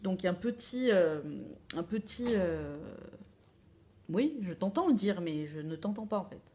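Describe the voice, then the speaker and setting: A young woman with a slightly high voice hosts a casual beauty unboxing. She reads product labels aloud in a playful, jokey way. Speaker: beauty vlogger.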